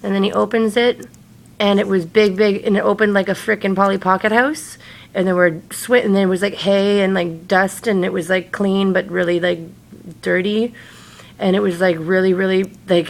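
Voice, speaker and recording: Woman with a creaky, fry-heavy voice for informal to-camera rambling; hazy, drifting recounting, loose slang and swearing. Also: mid-range voice, steady tone, normal speed. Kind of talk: casual rambling personal talk to camera.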